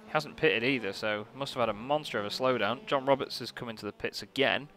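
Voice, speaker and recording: A man giving live sim racing commentary as a motorsport commentator, casual, chatty and excitable. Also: medium pitch, fast. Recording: noisy, car engine sound behind. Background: racing car engines.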